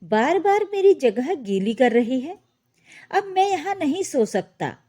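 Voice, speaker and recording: A woman's voice: high-pitched, sing-song, measured pace, warm tone. Woman doing a short-tempered grown son. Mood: irritated. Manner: brusque, scolding.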